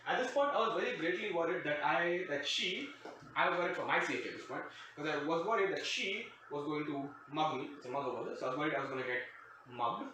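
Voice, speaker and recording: Here a storyteller speaks fast and animated, his slightly high voice carrying a sharp edge as he spins a sarcastic, digressive comic tale. He hosts a storytime show and grew up abroad from where he now lives. Faint noise sits under a very echoey room captured by a distant mic.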